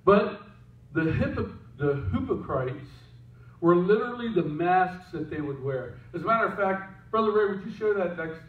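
A man's voice: sits high, lively intonation, moderate pace. Pastor, man, casual joking sermon style, distant mic, roomy dull church sound. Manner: casual, joking, with asides to the slide operator. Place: church sanctuary. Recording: echoey church heard from afar, dull.

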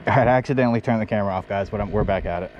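A fishing guide films his own charter with a head-mounted action camera, narrating catches with excitement and frequent laughter from a small boat on open shallow flats. His voice is lowish and rapid-fire, and the audio sounds dull, with wind and water noise all around.

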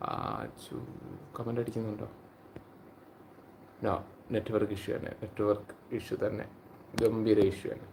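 A man's voice: fairly low pitch, a little hiss or hum. A man, hosting a casual live stream on his phone and chatting with viewers by name. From Kerala, India. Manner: chatty, greets viewers by name and reads their comments aloud.

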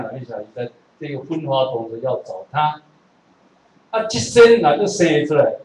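Taiwanese male lecturer, lively rhetorical delivery, heard from a distance in an echoey hall with a faint room hum. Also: medium pitch. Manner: animated, rhetorical questions, chatty asides. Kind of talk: classroom lecture with humorous asides.

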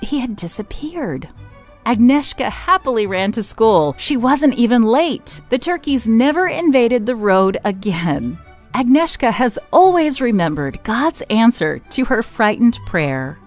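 A woman reading a children's story aloud at church, expressive and swooping up and down for emphasis. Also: fairly high pitch, measured pace, soft background music.

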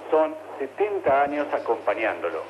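A man with an Argentine Spanish accent works as a radio announcer over a long-distance link, reading a formal message slowly for dictation. His medium-pitched voice has a sing-song lilt at normal speed, and the audio has its highs cut off with a little hiss or hum.

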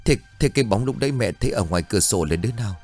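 A man's voice: on the low side, animated, rapid-fire, a little mellow, slightly rough, faint music behind. A man voicing a grieving, frightened old village mother who speaks in trembling, wailing pleas, raised above his own voice. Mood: anxious.

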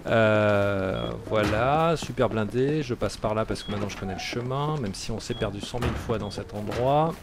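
A man's voice: on the low side, normal speed, hardly any pauses, noisy background. A man giving casual gameplay commentary as a gaming YouTuber, talking in a chatty, hesitant way full of fillers.

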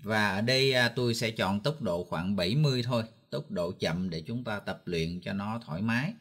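A man from Vietnam teaches a guitar lesson step by step, patiently counting beats and calling out note names, with guitar playing in the background. His voice is on the low side, with a moderate pace and a fairly bright tone.

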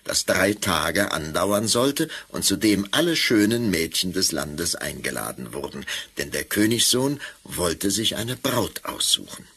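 Guy with doing warm fairy tale telling, really animated, bright forceful voice. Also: low-pitched, unhurried, few pauses, husky. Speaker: narrator. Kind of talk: fairy tale narration for an audio drama.

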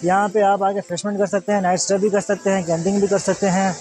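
A young man from Pakistan with a rather high voice talks chattily to his viewers while filming a travel vlog on a phone at arm's length. He stands outdoors by a mountain waterfall, and clear background music plays under his voice. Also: level tone, fast, darkish tone. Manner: chatty, touristy, addressing viewers directly. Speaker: travel vlogger. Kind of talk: casual travel vlog narration.

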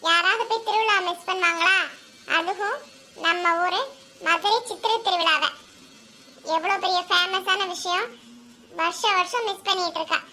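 A woman's voice: extremely high pitch, steady tone, normal speed, pauses often, sharp tone, slight background noise. A woman voicing a cheeky boy who teases and bosses his sister in a cartoon. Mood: teasing. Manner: bossy and mocking. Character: cheeky boy, teasing older brother.

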